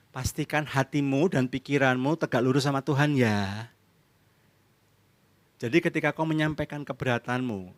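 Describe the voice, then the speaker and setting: A man preaching a sermon as pastor in a church service, speaking with an Indonesian accent. He asks the congregation questions and answers them himself, acts out couples' arguments, and mixes in English phrases. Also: mid-range voice.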